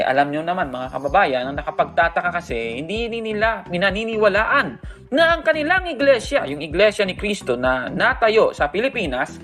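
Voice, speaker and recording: Earnest female host with a lively, varied pitch, speaking directly to viewers; faint music underneath. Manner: earnest, addresses viewers as brethren. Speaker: host of a religious fact-check show. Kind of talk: scripted rebuttal commentary.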